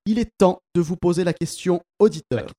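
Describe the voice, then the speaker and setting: A man's voice: sits high, a little fast, a loud crowd. A man hosting a radio quiz show in a studio, teasing and bantering with his guests. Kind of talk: playful radio quiz chat.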